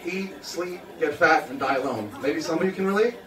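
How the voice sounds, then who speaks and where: This is a young Queens, New York man doing stand-up, speaking at a moderate pace in a fairly high voice, dry and self-deprecating with many ums and uhs. The distant, noisy phone recording from the audience captures a small indoor open-mic café, his handheld mic, and the surrounding laughter and room sounds.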